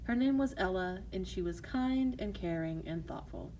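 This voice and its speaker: A woman's voice: medium pitch, expressive, normal speed, warm tone, a little hiss or hum, low-quality recording. A woman narrating a fairy tale in a storytelling style for listeners.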